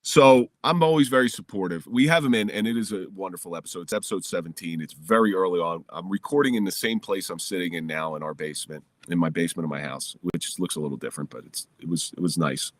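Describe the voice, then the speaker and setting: A middle-aged man from New Jersey, a podcast guest telling a personal story in a candid, lively way, recorded in his home basement. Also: low voice, fast, hardly any pauses, dry recording.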